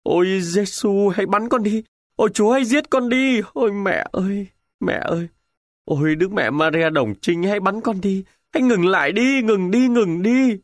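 A man's voice: high voice, moderate pace, dry recording, clean studio sound, pitched above the performer's own voice. Pacini, a man voicing a dying soldier screaming. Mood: agonized. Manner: anguished pleading cries. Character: young male soldier, mortally wounded, screaming in agony.

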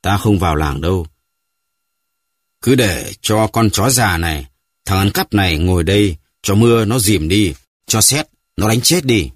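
A man voicing a hoarse, panting old grandfather who is full of guilt and rage in a read-aloud story. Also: sits low, animated, normal speed, no echo. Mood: furious.

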